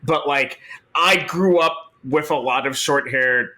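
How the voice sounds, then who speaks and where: A man's voice: medium pitch, slow. A man in his thirties co-hosting a podcast, chatting casually and teasing the others with frequent laughter. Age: 30s. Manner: animated, teasing, laughs often. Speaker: podcast co-host. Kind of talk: casual chat.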